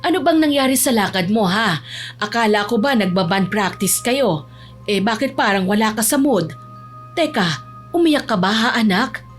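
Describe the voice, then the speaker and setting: A woman voicing a caring middle-aged mother who talks softly and dotingly. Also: on the high side, animated, moderate pace, faint music behind, lightly acted. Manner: soft and doting.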